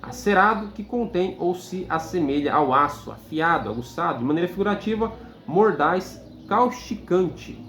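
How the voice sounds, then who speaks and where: A Brazilian man, a teacher, reading dictionary definitions aloud in a measured, list-like way with hesitant "é" fillers. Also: sits high, animated, fairly bright tone. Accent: Brazilian Portuguese. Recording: echoey room, faint background noise.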